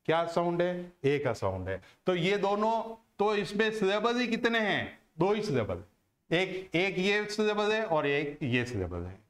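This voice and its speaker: Slow, high-voiced male English teacher. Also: very animated. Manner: slow and deliberate, asking and answering his own questions. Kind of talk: classroom lesson on word stress.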